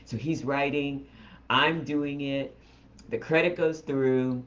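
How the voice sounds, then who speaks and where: A woman telling a story on her vlog in a chatty, animated way, talking straight to her viewers. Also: extremely low pitch, slow, lo-fi sound. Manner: chatty, animated retelling, addresses viewers directly. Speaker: vlogger.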